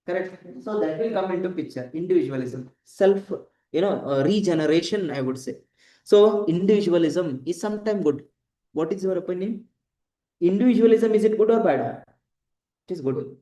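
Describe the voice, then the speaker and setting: A roomy, slightly distant recording carries a man with an Indian accent and a fairly high voice. He teaches in a classroom lecture style, restating points and tossing out short check questions. His tone is on the mellow side. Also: a little fast. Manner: didactic, repeats points, frequent check questions like "correct?" and "right?". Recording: roomy echo, voice distant from mic.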